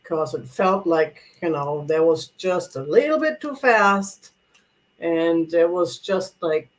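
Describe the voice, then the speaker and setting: A man's voice: a little high, lively intonation, slow pace, low-quality recording. A man vlogging casually about his travels, chatty and rambling, with many restarts and asides.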